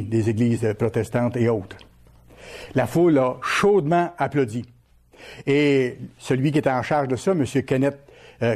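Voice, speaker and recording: A man, preaching and explaining in a measured way, with frequent hesitations. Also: mid-range voice, warm tone. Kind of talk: sermon-style commentary.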